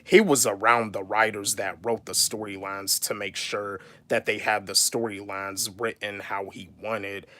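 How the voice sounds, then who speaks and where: A man's voice: on the low side, level tone, unhurried, hardly any pauses, a bit bright. A man in his twenties, a YouTuber and rapper, chatting casually on a livestream, repeating his points and answering viewers by name. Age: 20s. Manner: repetitive, restates each point, calls out viewers by name.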